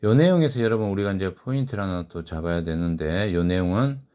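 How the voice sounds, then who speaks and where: A man's voice: low voice, expressive, fast, dark tone, clear, resonant tone. Man teaching a literature class. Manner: asks the class questions and answers them himself; reads quoted lines aloud in a raised voice. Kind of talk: classroom lecture on a short story.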